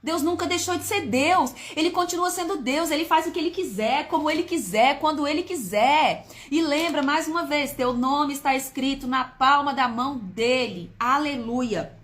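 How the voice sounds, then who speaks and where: A woman's voice: high voice, a bit bright. A woman hosting a casual devotional live stream, reading scripture with emotional exclamations and calling out her viewers by name. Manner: sings hymn verses slowly. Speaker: Bible study host on a live stream. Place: apartment.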